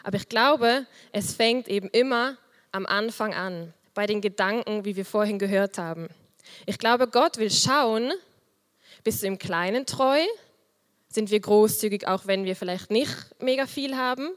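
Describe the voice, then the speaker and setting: A woman, leading a group and giving a personal sermon, her voice soft and quiet, lively and warm with small laughs, speaking into a handheld microphone. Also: mid-range voice, a little slow, in a large hall. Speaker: youth group leader giving a talk.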